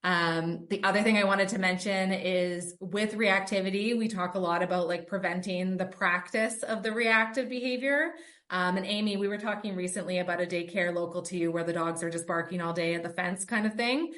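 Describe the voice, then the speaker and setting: Her voice fairly low but bright in tone, a woman speaks a little fast as she hosts a podcast and draws on her work as a dog trainer. She lists her points casually, with many instances of "um" and "like."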